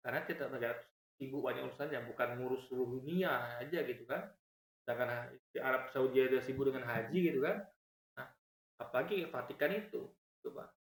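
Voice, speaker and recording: A man delivers heated reaction commentary, breaking in with repeated asides and sudden leaps in pitch. His voice rings around a bare, echoey room. He explains the same point again and again to press it home. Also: brisk.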